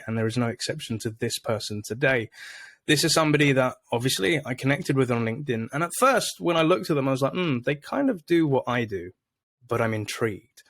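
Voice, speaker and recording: A man's voice: medium pitch, no room sound. A man hosting a podcast, upbeat and chatty as he introduces his guest. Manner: upbeat, chatty, many fillers. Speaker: podcast host. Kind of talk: casual interview.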